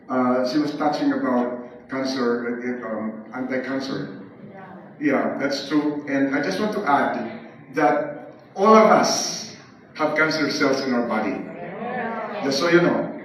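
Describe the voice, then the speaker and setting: A man gives a testimony to an audience, talking fast with many restarts and fillers. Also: medium pitch, highs cut off, slight background noise. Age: 70s. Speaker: speaker giving a testimony. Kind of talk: casual spoken talk to an audience. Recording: echoey room, far from the mic.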